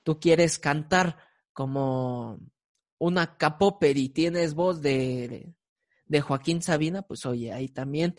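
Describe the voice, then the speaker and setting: A podcast co-host with a Mexican accent, chatting casually, laughing often and filling pauses with hesitant sounds. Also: medium pitch. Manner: giggly, lots of hesitant fillers. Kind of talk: casual chat.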